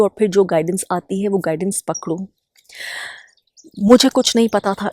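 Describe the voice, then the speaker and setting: A woman's voice: mid-range voice, a little mellow. Earnest woman giving spiritual encouragement. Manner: earnest, encouraging, repeats phrases for emphasis. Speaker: inner-healing channel host. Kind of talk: spontaneous spiritual self-help talk.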